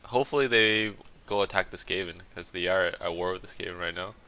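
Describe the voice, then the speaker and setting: A man's voice: low voice, fairly quick, background noise. A man playing a strategy game and talking through his moves aloud in casual commentary. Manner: muttering his plans aloud as he plays. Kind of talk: casual let's-play commentary.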